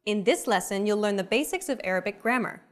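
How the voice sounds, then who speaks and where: A woman hosting a language lesson, explaining in clear, measured, scripted narration. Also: medium pitch, animated, slight background noise.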